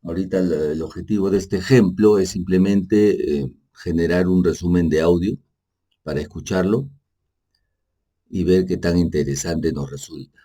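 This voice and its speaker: An unscripted screen-share tutorial features an energy manager, a native Spanish speaker, explaining software while he works. His low, deep voice has a dark, mellow tone, and he talks in a relaxed, unhurried manner. Halting and self-correcting, he often uses "pues" and little tag questions such as "¿no?"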